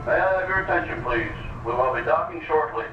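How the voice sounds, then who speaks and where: Man announcing over a ferry loudspeaker. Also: fairly high pitch, lively intonation, faint music behind. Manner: measured, formal and polite. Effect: ship's public-address loudspeaker. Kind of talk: formal boarding announcement. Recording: distant echoey muffled loudspeaker on a ferry.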